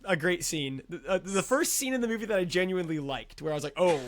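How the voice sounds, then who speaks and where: A man co-hosting a podcast, reviewing a horror film in a casual, sarcastic way that often trails off into low mumbles. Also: lively intonation, quick pace, a little hiss or hum. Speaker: podcast co-host.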